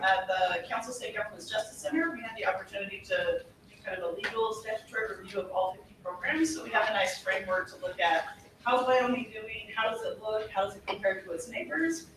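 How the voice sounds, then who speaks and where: An earnest policy presenter walks a committee through a briefing, steady and explanatory, with occasional "uh" and "um" as they gather thoughts. The voice sits well back from the microphone in a large, echoing hearing room. A clear layer of room noise runs underneath. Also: mid-range voice. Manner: earnest, explanatory, frequent fillers. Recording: echoey hearing room from far off, with background noise.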